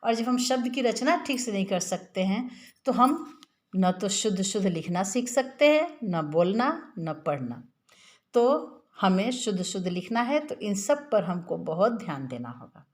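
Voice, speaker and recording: A woman's voice: medium pitch, very animated. Patient woman teaching grammar. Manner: patient, drawn-out demonstration of vowel sounds. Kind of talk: classroom lesson explaining grammar.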